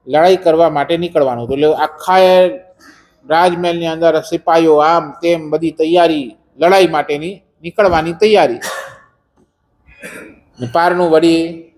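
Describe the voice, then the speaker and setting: A preacher giving a religious discourse, telling a story and quizzing the listeners with rhetorical questions. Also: male voice, on the high side, darkish tone.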